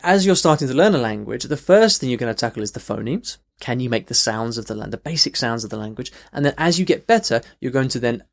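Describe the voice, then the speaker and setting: A man of medium pitch hosting an audio lesson. He talks off the cuff, backtracking and rephrasing as he goes, and keeps checking in with the listener. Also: animated, fast, creaky, hardly any pauses. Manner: conversational, many restarts and "okay" check-ins. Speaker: language teacher, podcast host. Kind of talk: unscripted podcast lesson. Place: in London.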